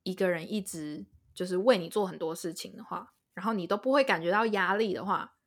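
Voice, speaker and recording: A woman's voice: mid-range voice, brisk. A woman hosting a podcast, chatting expressively and laughing easily. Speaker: podcast host. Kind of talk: casual chat.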